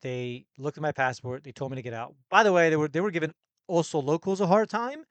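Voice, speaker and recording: Young american man, casual travel storytelling, slightly high voice, dry close sound. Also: fast talker, dry recording, highs cut off. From United States. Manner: rambling, self-correcting, laughs between thoughts. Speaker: podcast host.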